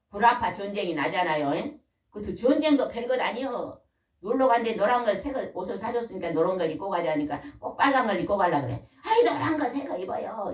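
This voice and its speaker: An older woman preaching a folksy, animated sermon in a church, often asking the congregation questions. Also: medium pitch. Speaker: pastor's wife preaching. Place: church hall. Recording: echoey room, mic at a distance.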